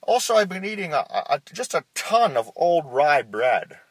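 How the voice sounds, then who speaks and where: A man's voice: on the high side, normal speed, husky, dry recording, rough recording. A man voicing a nervous, quirky male publisher who rambles and stammers through a phone voicemail message. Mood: nervous rambling. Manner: hesitant, stammering, full of uh's, oddly deadpan rambling. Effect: played back as a phone voicemail message.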